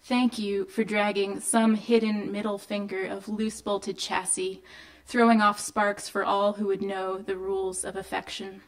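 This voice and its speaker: A woman poet reading her own poems to a live audience indoors, measured and deliberate, with loose, um-filled asides between poems. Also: mid-range voice, flat delivery. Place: indoor venue of a reading series.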